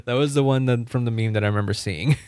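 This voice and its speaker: A man's voice: mid-range voice, quick pace, a little mellow, clear, resonant tone, no echo. A man whose first language is Spanish, chatting casually on a livestream, laughing often, repeating words and reading chat. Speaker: streamer.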